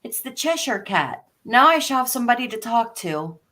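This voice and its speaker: A woman's voice: a little high, sing-song, moderate pace, sharp tone. A woman playing a polite, curious and forthright young girl in a storybook read, speaking earnestly. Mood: indignant.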